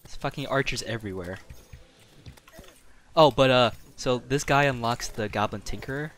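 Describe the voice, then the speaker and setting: A man's voice: medium pitch, normal speed, fairly bright tone. A young man with a Midwestern accent chatting casually and joking while playing a game, swearing freely and laughing often. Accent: Midwestern American. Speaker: gamer host. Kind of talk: casual gameplay chat.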